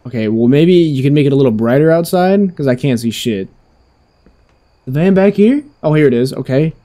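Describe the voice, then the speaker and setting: A man comments casually on a video game as he plays, reacting with loose jokes, slang and swearing. His voice sits somewhat high for a man. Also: animated, normal speed, mellow. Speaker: gaming content creator.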